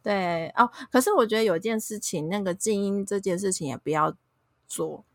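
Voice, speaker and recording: A woman, co-hosting a casual chat and telling animated stories with frequent laughter. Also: medium pitch, normal speed, no echo, clean studio sound. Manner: animated storyteller, laughs often. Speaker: podcast co-host.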